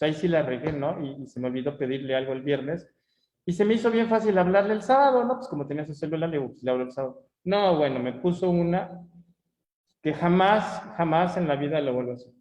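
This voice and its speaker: A man's voice: a little high, a little mellow. A middle-aged Mexican man giving a conversational conference talk, telling anecdotes with many tag questions and fillers. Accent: Mexican Spanish. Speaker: conference speaker. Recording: echoey, dull lo-fi room audio.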